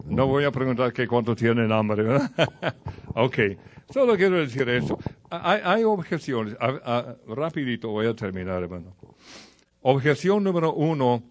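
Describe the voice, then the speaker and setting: Male preacher, mid-pitched, casual sermon delivery, talks straight to the congregation. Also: expressive, moderate pace. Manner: conversational preaching with anecdotes and direct address to the congregation.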